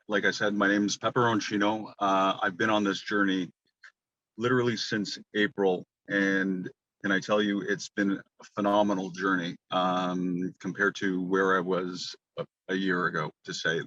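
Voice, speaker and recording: A man's voice: sits low, pushed and bright, dry recording. A man in a casual group voice chat who talks earnestly, with frequent ums. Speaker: NFT community guest. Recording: dull lo-fi line.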